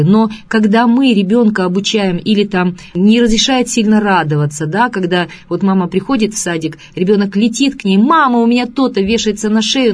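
A woman's voice: mid-range voice, a little mellow. A woman speaking to radio listeners as an expert, earnest and lecturing, asking many rhetorical questions. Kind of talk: radio talk on child psychology.

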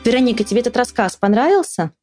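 Expressive woman reading a children's story. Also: fairly high pitch, fast talker, soft background music. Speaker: reader and teacher.

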